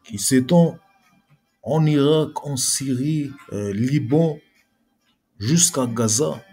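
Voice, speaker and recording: A man's voice: medium pitch, takes it slowly, warm tone, slightly rough, soft background music. A man giving an argumentative reply monologue to a video blogger, speaking combatively and straight at his critic. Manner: combative, addresses critic directly.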